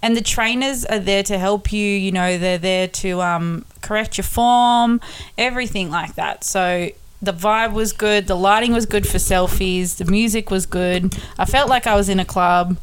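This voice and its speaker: A woman's voice: mid-range voice, normal speed, clean tone. A woman in her twenties with a broad Australian accent, chatting casually as a podcast host, blunt and slangy with plenty of swearing. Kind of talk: casual chat.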